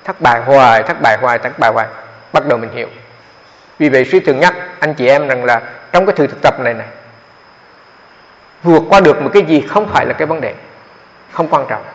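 A man's voice: on the high side, animated, a little fast, long pauses. A man, a Buddhist monk giving a dharma talk on meditation in a conversational, explanatory way, often repeating his words. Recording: echoey hall, dull lo-fi sound.

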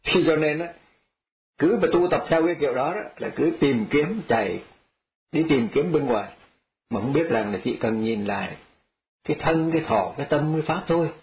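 A man's voice: a little high, animated, normal speed. A man, a Buddhist monk, gives a folksy, repetitive dharma talk and chuckles as he tells parables. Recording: slightly dull lo-fi audio.

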